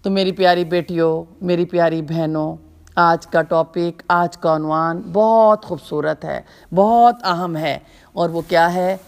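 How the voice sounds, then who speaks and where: A woman's voice: fairly low pitch, a little mellow. A woman giving an Islamic lecture to young women. She talks in an emphatic, preacherly way, with rhetorical questions, repeated phrases and long spoken lists.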